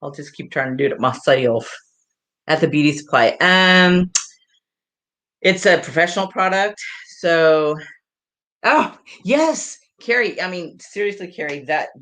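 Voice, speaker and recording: A woman's voice: lowish voice, expressive, a little slow, a bit bright. A woman hairdresser giving a live hair tutorial, chatting and laughing with viewers in a rambling way. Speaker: hairdresser and salon owner.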